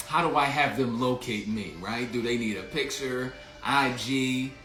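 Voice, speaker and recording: A man with a bright, forceful voice hosts a casual livestream, rambling through a story in loose slang, restarting his sentences and breaking into laughter. He speaks at a middling pitch for a man. His voice sits in a roomy, echoing space with faint music playing underneath. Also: measured pace. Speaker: livestream host.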